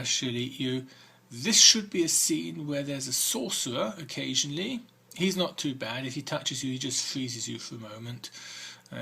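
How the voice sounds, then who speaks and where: A man's voice: mid-range voice, gravelly, sharp tone, husky. A man hosting a game walk-through, reading the game's text aloud between hesitant comments full of fillers. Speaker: let's-play host.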